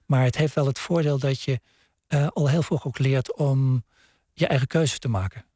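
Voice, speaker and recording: A man speaks as a guest on a radio show, his voice dark and mellow. He talks hesitantly, searching for words and restarting his sentences. The studio sound is dry and close. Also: mid-range voice, steady tone, moderate pace, dry recording. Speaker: science journalist guest. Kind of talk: radio interview.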